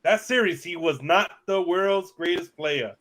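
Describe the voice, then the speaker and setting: A man in his thirties on a casual sports talk livestream, energetic and opinionated, with fillers and repeated starts. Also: sits high, measured pace. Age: 30s. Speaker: sports talk show regular.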